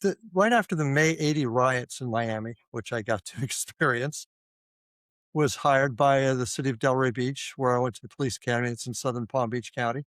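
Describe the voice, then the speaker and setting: An older man from Ohio, a retired police officer, chats casually as a guest in an interview, rambling along with plenty of fillers and restarts. His mid-range voice is brisk and fairly bright, and the recording is dry.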